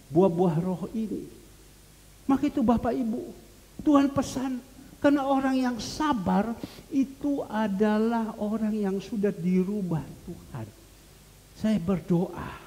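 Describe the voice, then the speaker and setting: A man's voice: high voice, mellow. A middle-aged man preaching a sermon as a pastor. He tells stories and earnestly repeats key phrases for emphasis. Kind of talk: sermon with storytelling. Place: large church hall. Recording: reverberant hall with faint hiss.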